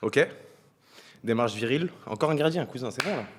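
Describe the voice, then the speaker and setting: A young man streaming a game live, slangy and joking, swinging from low mumbling to excited shouting. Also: fairly quick, background noise. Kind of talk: live gaming stream chatter.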